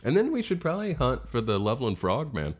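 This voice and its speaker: A man's voice: mid-range voice, huge pitch swings, quick pace, slightly rough. A man co-hosting a podcast in casual chat, telling stories, laughing easily and swearing. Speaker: podcast co-host.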